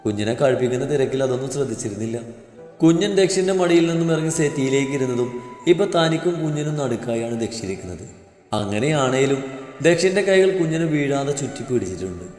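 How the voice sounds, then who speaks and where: A man softly narrating a romantic story. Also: medium pitch, animated, fast talker. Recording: roomy reverb with faint music.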